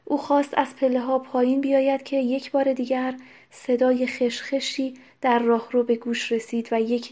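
A woman narrating a novel as an audiobook, reading in a steady, measured way. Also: fairly high pitch.

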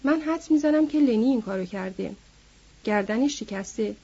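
A woman voicing a calm, steady male ranch hand who speaks in a quiet, measured way, with a husky voice. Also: fairly high pitch, heavily acted. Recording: dull lo-fi recording.

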